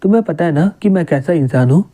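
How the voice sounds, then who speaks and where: A man's voice: a little high, lively intonation, fast talker, warm tone. A man reading a flustered young hero.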